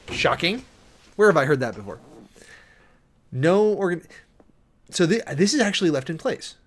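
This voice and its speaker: The speaker is a man, a streamer and preacher, whose medium-pitched voice carries him through a document he reads and critiques aloud. Rapid stretches of reading give way to halting emphasis, all laced with wry, sardonic remarks.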